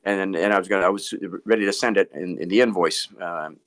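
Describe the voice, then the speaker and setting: A man's voice: deep voice, a little fast. A middle-aged man tells stories as a ventriloquist guest in a casual interview, stammering over repeated words and chuckling. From Boston.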